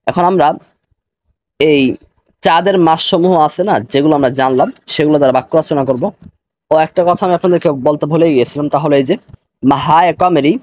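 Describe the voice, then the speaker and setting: A man with a Bangladeshi Bengali accent teaching an online language lesson, speaking slowly and carefully and repeating each pronunciation. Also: fairly high pitch, a little mellow, no room sound.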